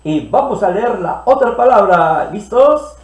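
A man teaching children to read, playfully sounding out syllables slowly and repeating them. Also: sits high, expressive, a little mellow, roomy sound, lo-fi sound. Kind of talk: early reading lesson for children.

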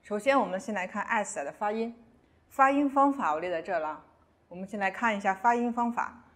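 Woman teaching pronunciation, slow and careful. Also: mid-range voice, fairly bright tone. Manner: slow, careful modeling of sounds with repeats. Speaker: language teacher. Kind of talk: pronunciation lesson.

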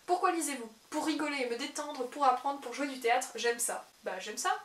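This is a young adult woman with a book channel, laughing a lot as she casually talks her way through online quizzes. Her high-pitched voice is fairly quick and fairly bright, captured in an echoey room with a faint hiss.

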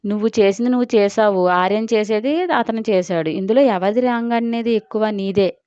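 A blunt, teasing young woman, voiced by a woman in an audio story, pressing each point. Clear smooth voice on a dry recording. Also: mid-range voice, fairly quick, a little mellow, no echo, highs cut off, lightly acted. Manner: teasing and emphatic.

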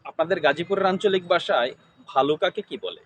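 Interviewer, man, high voice, repetitive formal questions. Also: fairly quick, a bit bright, a little hiss or hum.

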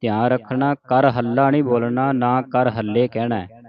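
A man's voice: mid-range voice, steady tone, normal speed. A man teaching scripture reading, patiently correcting pronunciation and demonstrating lines. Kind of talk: pronunciation instruction. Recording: dull lo-fi audio.

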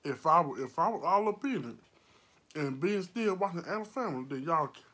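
A man's voice: fairly high pitch, animated, brisk, bright, forceful tone. A man chatting casually to viewers with his mouth full while eating. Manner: laid-back, addresses viewers as y'all. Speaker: mukbang vlogger.

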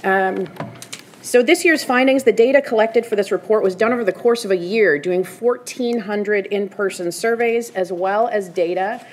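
A woman's voice: medium pitch, moderate pace, slight background noise. A woman presenting a report to a council from a podium microphone, speaking in an earnest, informative way. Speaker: food bank executive director presenting as a delegate. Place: council chamber.

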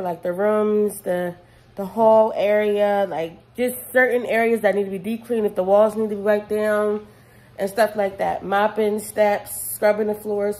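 This clean-with-me vlog features a young stay-at-home mom talking to her phone camera at arm's length indoors in her apartment living room. She has a medium-pitched, somewhat dark voice and rambles chattily, full of "um" and "like" fillers. The audio quality is poor.

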